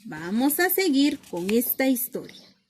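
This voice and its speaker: A woman's voice: high voice, very animated, a little slow, a little hiss or hum. A woman reading a picture book aloud to children as a lesson, asking questions and then answering them herself.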